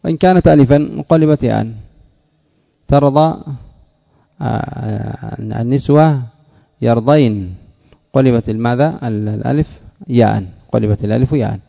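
A man with a gravelly, creaky voice teaches a grammar lesson at a middle pitch. He poses questions and answers them himself, slowing down to repeat key words. The recording sounds dull and lo-fi. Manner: repeats words slowly for emphasis. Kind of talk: Arabic grammar lesson explaining a text.

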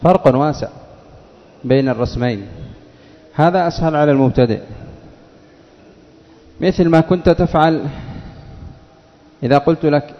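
A male teacher giving a classroom lesson, patiently asking questions and repeating words slowly for his students. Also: a little high. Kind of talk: classroom lesson on Arabic spelling. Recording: dull lo-fi recording, long reverb of a hall.

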